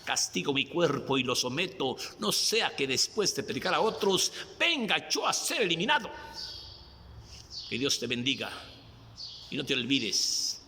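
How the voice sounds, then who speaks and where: A male preacher giving a devotional reflection on a Bible passage, with slow, emphatic pleading questions. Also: medium pitch, very animated, pushed and bright, in a large hall, a little hiss or hum.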